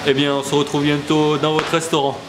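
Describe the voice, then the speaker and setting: A man's voice: a little high, monotone, brisk. Polite man interviewer, echoey room. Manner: polite, formal. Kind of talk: scripted interview questions. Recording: echoey room with music behind.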